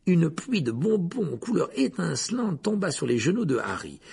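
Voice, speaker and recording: A man narrating a story aloud in an expressive, animated way. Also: a little high, normal speed, creaky, breathy edge. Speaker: audiobook narrator. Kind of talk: storybook reading.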